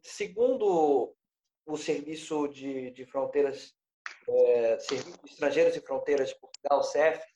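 A man's voice: medium pitch, a little slow, mellow, echoey room, slight background noise, low-quality recording. A man interviewing, asking a question and reading figures with some hesitation.

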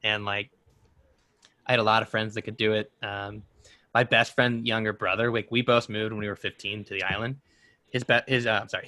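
Guy in his 20s, bright tense voice, rambles and laughs at himself, dry sound. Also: fairly low pitch, no room sound. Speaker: podcast co-host. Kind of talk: casual chat.

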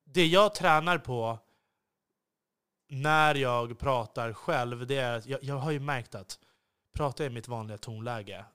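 A man's voice: mid-range voice, fairly bright tone, clean tone. A man hosting a solo podcast, talking with intensity that can come across as biting, full of hesitations and restarts. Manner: intense, earnest delivery that can sound biting. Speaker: podcast host.

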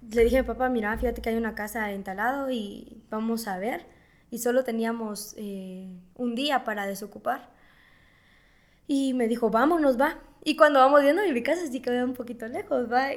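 High-voiced young woman telling a testimony. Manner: lively storytelling, acting out remembered dialogue. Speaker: interview guest giving a church testimony. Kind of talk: casual testimony in conversation.

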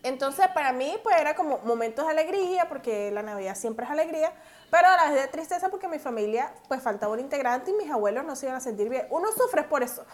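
A woman, co-hosting a casual podcast chat and swinging from soft-spoken to loud and dramatic. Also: sits high, lively intonation, quick pace. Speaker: podcast co-host.

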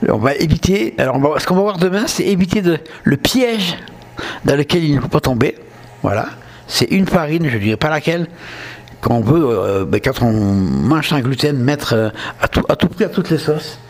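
A man with a southern French accent hosting a casual solo podcast, chatting straight to his listeners and often checking in with them. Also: fairly high pitch. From southern France. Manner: chatty, addresses listeners directly with frequent "ok?". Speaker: podcast host.

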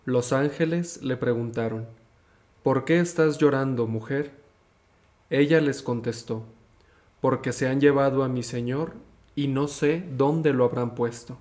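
A young man, a seminarian, reading a gospel passage and then giving a short reflection in a calm, measured, earnest voice. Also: mid-range voice.

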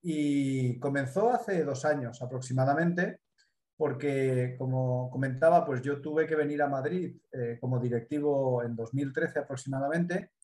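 In a live interview, a middle-aged man with a Spanish accent, from the Mediterranean coast of Spain, calmly describes his work as a business consultant. He speaks at a medium pitch with a warm tone, and the room is echoey.

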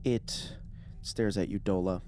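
A man running a tabletop role-playing game, narrating deliberately and with suspense as game master. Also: deep voice, fairly even intonation, dark tone, slight background noise.

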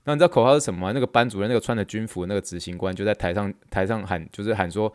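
A young man with a Taiwanese Mandarin accent, hosting a podcast and telling a story in casual chat, acting out shouted slogans as he goes. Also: fairly low pitch, very fast, smooth, dry recording, clean studio sound. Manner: animated, acts out shouted slogans in quotes. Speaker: podcast host. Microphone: close podcast mic.

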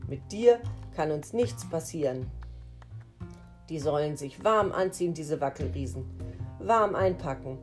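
A woman's voice: deep voice, expressive, unhurried, faint music behind. A woman voicing a plucky female companion in a storybook reading, sounding bold and rallying. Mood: defiant.

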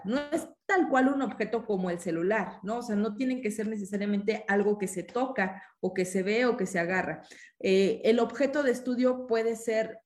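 A woman's voice: on the high side, a little mellow. A woman teaching a live-streamed class, explaining ideas, asking questions and reading students' comments aloud.

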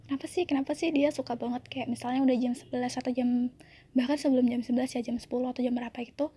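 High, husky young woman chatting. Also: fairly even intonation, very fast, dark tone. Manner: chatty, confiding, many fillers. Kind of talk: casual personal sharing.

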